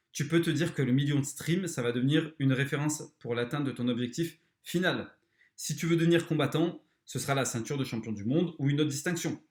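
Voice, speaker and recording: Brief: male podcast host, slightly high voice, blunt and crude motivational talk, echoey room. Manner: blunt, crude, talks straight to the listener. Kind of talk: motivational self-help talk.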